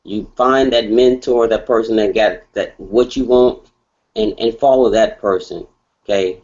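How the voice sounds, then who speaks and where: A man's voice: fairly low pitch, steady tone, a little slow, darkish tone. A man on a group call giving casual, colloquial motivational advice and checking in with "okay?". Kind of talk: motivational talk. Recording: muffled conference call line.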